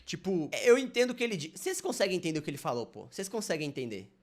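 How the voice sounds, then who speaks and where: A man's voice: high-pitched, big pitch swings, rapid-fire. A Brazilian man reacting live to a video, talking casually in a rambling, slang-heavy way. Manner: slangy, rambling, loaded with fillers like "mano" and "velho".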